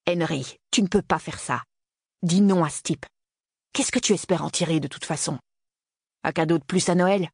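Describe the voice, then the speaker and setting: The reader plays a graying father who gives curt, peremptory orders in a gravelly, husky voice. The recording is dry and close, like a studio audiobook. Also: medium pitch, moderate pace, pauses often, a little mellow, dry recording. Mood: stern. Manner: clipped, peremptory delivery. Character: stern graying middle-aged father, curt and commanding. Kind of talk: audiobook character reading.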